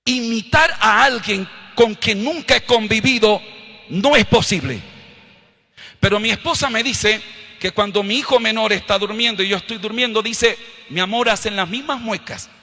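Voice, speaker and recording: A Colombian man preaching a sermon, swinging from low, quiet asides up to loud, shouted scripture lines. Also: normal speed. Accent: Colombian Spanish. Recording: long hall reverb.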